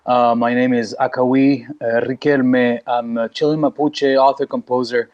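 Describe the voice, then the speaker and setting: A man from Canada, a musician and author on a panel, speaking haltingly with many restarts and fillers. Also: medium pitch, level tone, muffled recording. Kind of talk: panel discussion.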